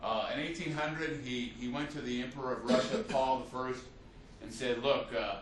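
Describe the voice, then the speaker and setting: A history teacher gives an unscripted classroom lecture in an echoey room, recorded from a distance, telling the material loosely like a story with frequent fillers and restarts. His medium-pitched voice is steady and moderately paced, with a little hiss or hum in the audio.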